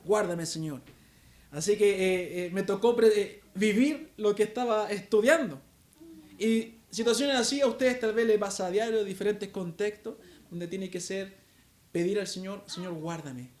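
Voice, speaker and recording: High-voiced Chilean preacher in an echoey church. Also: male voice, moderate pace, darkish tone. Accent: Chilean Spanish. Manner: earnest, conversational, frequent "¿cierto?" tag questions. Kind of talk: sermon. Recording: echoey church room, faint hiss.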